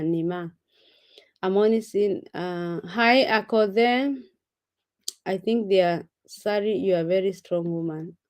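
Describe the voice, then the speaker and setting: A woman chatting casually on a live stream, reading viewer comments aloud and greeting each viewer by name, now and then slipping into Swahili words. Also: mid-range voice. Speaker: vlogger reading live chat.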